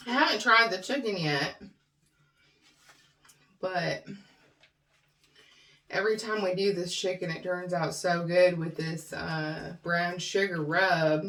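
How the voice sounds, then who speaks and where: A woman's voice: on the low side, takes it slowly, long pauses, a bit bright. A middle-aged woman chatting casually to viewers as she eats, chewing while talking and humming over her food. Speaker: mukbang vlogger. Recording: roomy, distant mic with faint noise.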